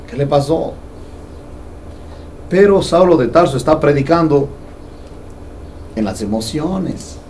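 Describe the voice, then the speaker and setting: A man's voice: a little high, distant mic, slight background noise. Conversational man preaching from afar. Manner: conversational, jokes with the congregation. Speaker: pastor. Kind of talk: sermon. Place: church hall.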